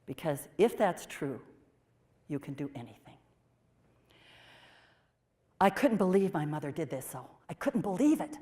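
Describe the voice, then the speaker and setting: A woman portraying a pioneering 1830s nun, telling her story in the first person with expressive swings from emphatic to hushed. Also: sits low, a little slow, long pauses. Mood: earnest. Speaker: performer of a historical portrayal.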